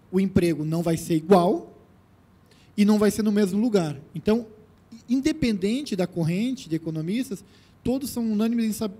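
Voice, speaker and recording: A man's voice: high-pitched, dark tone. A man answering as a panelist at a conference, thoughtful and full of rhetorical questions. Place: conference hall.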